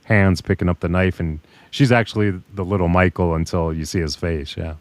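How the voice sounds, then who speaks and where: A man's voice: deep voice, steady tone, brisk, no room sound. A man co-hosting a podcast in casual chat, rambling and often losing his train of thought. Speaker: podcast co-host.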